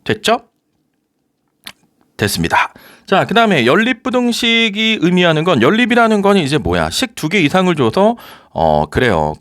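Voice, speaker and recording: A male math teacher explaining step by step in a strongly animated voice that rises and falls a lot. His voice sits fairly high for a man and sounds close and dry. He keeps checking in with the students through rhetorical questions. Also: normal speed, no echo. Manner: lively, coaxing, asks rhetorical questions. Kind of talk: recorded math lecture.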